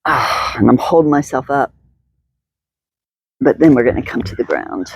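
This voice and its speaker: A woman's voice: rumbling low, lively intonation, moderate pace, husky. A woman guiding a stretching session outdoors, chatty and upbeat, talking her way through each move. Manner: chatty, upbeat, thinks aloud, laughs often. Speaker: stretching instructor. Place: outdoors in the sun.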